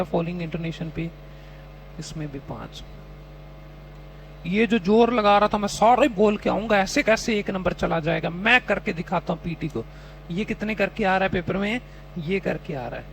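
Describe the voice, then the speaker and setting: High gravelly guy coaching a test-prep class, teasing and scolding students, faint hum behind. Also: rough recording.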